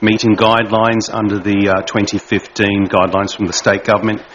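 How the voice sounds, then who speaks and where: A councilman puts forward a motion in a low, flat voice, pausing often and filling gaps as he goes. The sound is dull and lo-fi, with faint noise behind him. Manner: hesitant, with many pauses and fillers. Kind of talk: formal meeting motion.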